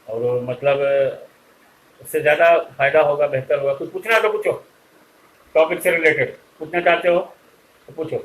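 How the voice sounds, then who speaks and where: A man's voice: on the high side, normal speed, pauses often, a bit bright, rough recording. A man teaching an online lecture, scolding and lecturing his students directly.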